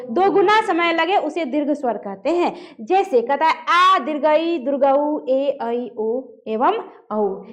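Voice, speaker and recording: A woman with a high voice teaches a grammar lesson. She explains each rule patiently and keeps asking the class questions so they follow along.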